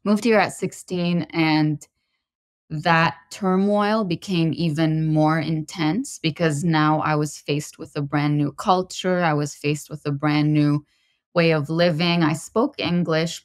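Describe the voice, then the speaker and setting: A woman in her thirties from Lebanon, a podcast guest telling her personal story in a measured, introspective way. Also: low voice, no room sound, studio quality. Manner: measured and introspective, pausing to find words.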